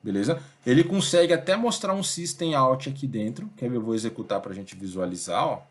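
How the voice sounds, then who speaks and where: A young man teaching a programming lesson in a relaxed, conversational way, thinking aloud and checking in with his students often. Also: medium pitch, a little fast. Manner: conversational, thinks aloud, many fillers like "beleza?" and "ó". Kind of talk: casual screen-recorded coding lesson.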